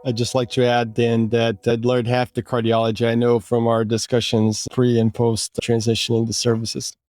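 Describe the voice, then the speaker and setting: Monotone gracious man from Brazil. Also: medium pitch, soft background music. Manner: gracious and measured. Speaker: cardiology faculty guest. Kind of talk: casual podcast introduction.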